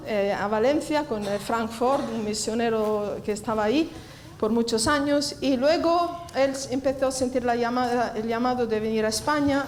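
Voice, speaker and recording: Woman, Italian accent, 50s, church talk, high voice, reverberant hall. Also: a little hiss or hum. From southern Italy. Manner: warm, chatty, many hesitations and restarts. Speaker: Bible college director speaking at a church women's meeting. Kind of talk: testimony talk to a church audience. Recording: echoey hall with faint ambience.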